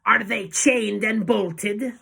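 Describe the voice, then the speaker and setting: A woman voicing a cruel old female witch leader, harsh and guttural, barking slow drawn-out orders. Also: medium pitch, vocal fry, sharp tone, slight background noise, pitched above the performer's own voice, full character voice. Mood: commanding.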